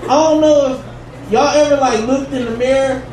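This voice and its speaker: Crowd noise fills this distant, noisy recording from a bar comedy room, where a thirties-aged stand-up comic performs an open-mic set. His voice is very high-pitched and steady, his pace normal, and his delivery casual, profane and drawling amid the audience ambience.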